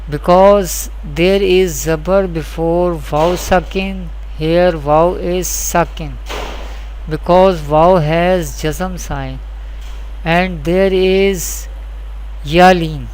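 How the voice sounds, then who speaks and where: This scripted Quran recitation lesson comes from a teacher whose medium-pitched voice is a little mellow, though the audio quality is poor. The teacher explains deliberately, repeating questions and answers and spelling out examples.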